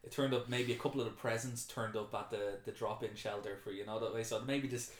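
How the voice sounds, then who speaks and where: Lower-voiced guy throwing out plot ideas, stops and restarts a lot, echoey room. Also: steady tone, slight background noise. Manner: eager, pitching ideas with halting restarts. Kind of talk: casual brainstorming chat. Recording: roomy echo.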